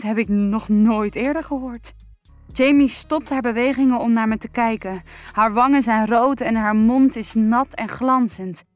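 A woman reading a first-person erotic story aloud in a slow, breathy, sensual way. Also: fairly high pitch, dry recording. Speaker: narrator.

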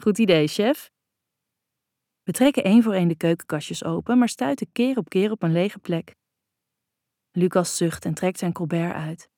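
A woman reading a first-person audiobook in a soft, even, intimate manner. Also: lowish voice, normal speed, no echo, clean studio sound. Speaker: audiobook narrator. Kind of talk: first-person scripted narration.

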